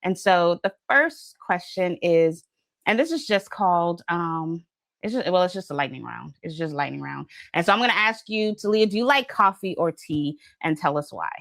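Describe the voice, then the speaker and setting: Podcast host, woman from the Bahamas, low pitch, dry close sound, animated repeating style. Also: moderate pace, creaky, no echo. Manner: animated, repeats phrases, says y'all. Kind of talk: casual podcast conversation.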